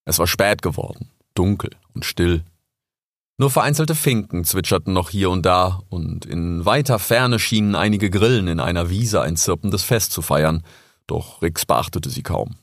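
A man with a low voice narrates an animal adventure. His delivery is animated and expressive, with lively pitch swings. The sound is close and dry. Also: moderate pace, no room sound. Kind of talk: audiobook story narration.

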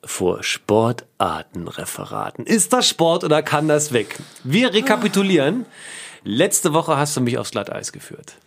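A man's voice: a little high, measured pace, vocal fry. A young man co-hosting a casual podcast, telling stories and teasing his partner in a playful way. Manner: playful, teasing, animated storytelling. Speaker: podcast co-host.

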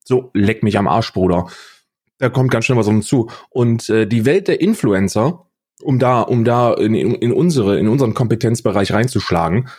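Rauer mann im lockeren politik-podcast, redet derb und spöttisch. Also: male voice, on the low side, lively intonation, moderate pace, darkish tone, husky. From Switzerland. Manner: crude, sarcastic, emphatic. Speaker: podcast co-host. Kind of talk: casual political chat. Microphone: remote audio call setup.

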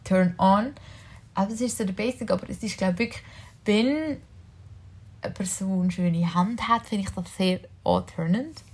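A woman's voice: medium pitch, moderate pace, a little mellow, husky. A young woman with a Swiss German accent in casual chat as a podcast co-host, thinking aloud with many filler words.

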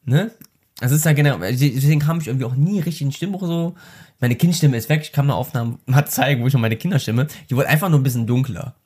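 A man with a voice that is not deep, rambling through casual chat with many restarts and fillers. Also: quick pace, darkish tone, breathy edge.

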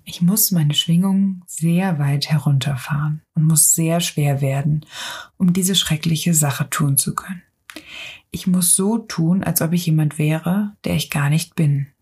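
A woman voicing a kind, patient friendly soul in a whispered role-play, speaking softly and calmly with a husky voice. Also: sits low, a little slow, exaggerated voice. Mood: serious. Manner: soft, gentle, calm.

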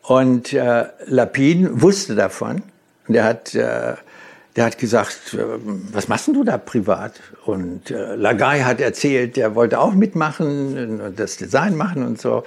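A man's voice: mid-range voice, animated, a little slow, creaky, breathy edge. A German-speaking man recounting his career in an interview, telling it as a story with acted-out quotes and frequent hesitations. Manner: storytelling, acts out quoted dialogue, hesitant fillers. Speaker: interviewee, car designer. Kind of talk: reminiscing in an interview.

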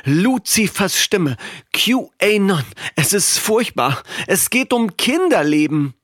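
A man's voice: a little high, moderate pace, no room sound, clean studio sound, lightly acted. A man doing an urgent conspiracy-obsessed young guy. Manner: urgent, intense, raised voice. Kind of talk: audiobook reading.

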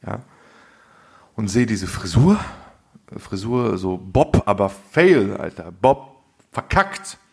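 Gravelly husky guy on a podcast, slangy storytelling, lots of asides. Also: on the low side, slow pace, pauses often. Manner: slangy, animated storyteller, says "Alter" a lot. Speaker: podcast co-host. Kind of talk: casual storytelling.

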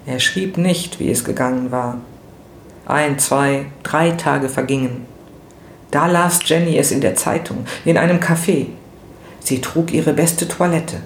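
A man reading literary prose aloud in a measured, expressive way. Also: fairly high pitch. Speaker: reader. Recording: roomy with faint noise.

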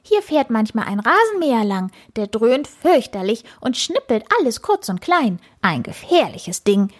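A woman voicing a chirpy, know-it-all male sparrow in a children's story, lecturing in a high, breathy voice. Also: big pitch swings, a little slow. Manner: lecturing, bossy.

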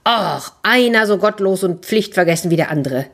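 A woman's voice: medium pitch, animated, normal speed, a bit bright. A woman doing a furious old tailor. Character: angry old tailor, quick-tempered father.

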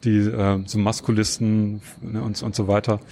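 A man answering interview questions, explaining at length and pausing often with fillers and tag questions. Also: on the low side, little pitch movement, mellow, slight background noise. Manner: hesitant, many filler sounds and tag questions. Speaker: interview guest.

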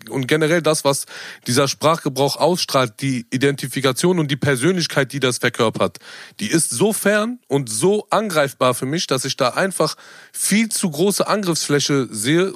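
A man co-hosting a podcast, talking in a measured, deliberate way and sometimes searching for words. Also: a little high, fairly bright tone, no echo, clean studio sound. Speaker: podcast co-host. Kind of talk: casual chat.

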